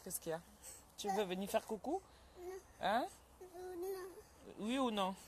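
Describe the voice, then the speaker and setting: A woman hosting a casual live stream from home, chatting with viewers, greeting them by name and breaking off to calm a child. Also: mid-range voice, unhurried, crowd noise.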